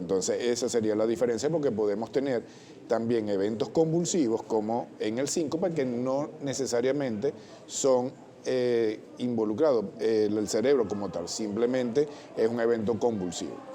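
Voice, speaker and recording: A man, a doctor explaining things as a guest in a television interview, measured and technical, often restarting words. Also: mid-range voice, dark tone. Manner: measured, technical, with frequent self-corrections.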